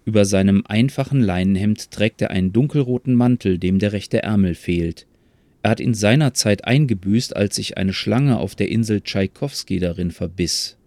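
Calm low-voiced male storyteller. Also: moderate pace, dry recording. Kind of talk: scripted story narration with character voices.

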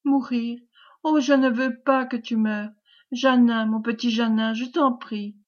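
A woman's voice: fairly high pitch, steady tone, unhurried, lightly acted. A woman reading the lines of a desperate young village girl who pleads through tears, on a dull lo-fi recording. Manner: pleading, sobbing.

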